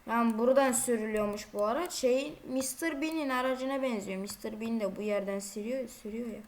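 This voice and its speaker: High-voiced chatty woman playing a game. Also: a little fast. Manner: chatty, exclaiming at the game, scolding other drivers. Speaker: gaming video creator. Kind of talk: casual gameplay commentary.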